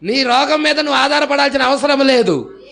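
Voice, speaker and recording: A man preaching a fiery sermon. He breaks into shouts and hallelujahs and tells a story by acting out its people. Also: extremely high pitch, expressive, normal speed, vocal fry. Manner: acts out characters' voices in his storytelling. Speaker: pastor.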